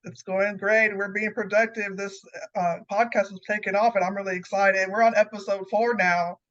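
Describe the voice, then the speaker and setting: A woman hosting a podcast in casual chat, encouraging and quick to laugh. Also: medium pitch, flat delivery, fairly bright tone. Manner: chatty, encouraging, laughs easily. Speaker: podcast host. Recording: slightly dull lo-fi sound.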